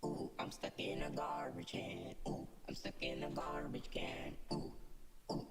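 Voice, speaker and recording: Brief: a man playing a deep, gravelly cartoon guy trapped in a garbage can, hollow trash-can echo, slow whispery moaning. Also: big pitch swings, exaggerated voice. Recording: echoey clip from a played video over loud music.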